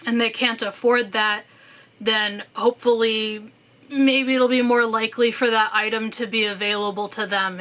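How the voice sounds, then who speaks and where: A woman's voice: medium pitch, sharp tone. A young woman, a student, speaking in a candid personal monologue, thoughtful at times and sarcastic at others, with casual swearing and frequent fillers.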